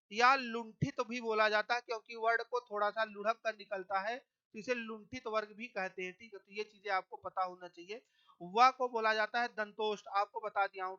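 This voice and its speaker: A teacher giving an exam-prep lesson on a solved test paper, drilling each point, ending nearly every line with a quick check-in and dropping in English words. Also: medium pitch, bright, forceful tone, smooth, muffled recording.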